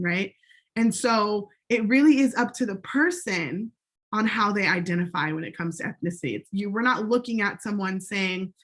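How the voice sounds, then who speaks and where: A woman teaching a recorded college sociology lecture in a conversational way, often checking in with "right?" and filling pauses with "um". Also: on the high side, a bit bright. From United States. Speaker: sociology instructor.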